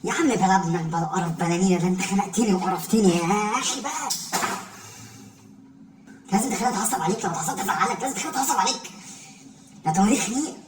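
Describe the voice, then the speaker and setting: An Egyptian man playing an office worker at the end of his rope, firing off complaints at a breakneck clip. He is recorded from a distance in an echoey room, with a clear layer of background noise. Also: high-pitched. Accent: Egyptian Arabic. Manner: exasperated grumbling, rapid complaints. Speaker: office employee in a comedy sketch. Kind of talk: comic sketch acting.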